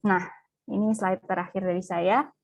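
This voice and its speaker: A woman speaking on a video call webinar to mothers, explaining play rules in a lively way and slipping in English phrases. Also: mid-range voice, moderate pace, gravelly, no echo. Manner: lively, acts out quoted voices, mixes in English phrases.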